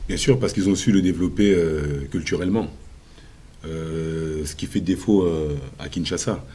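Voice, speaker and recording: A man from Congo, appearing as a musician guest on a TV interview, answers questions confidently and emphatically with frequent filler pauses. His voice is deep, warm and husky.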